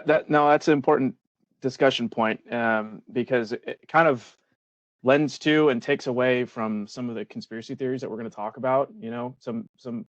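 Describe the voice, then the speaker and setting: Male co-host, halting casual delivery, muffled dry recording. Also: mid-range voice, no echo. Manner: hesitant, many "uh" and restarts. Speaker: podcast co-host; military veteran. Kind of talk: casual podcast chat. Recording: dry, dull lo-fi mic.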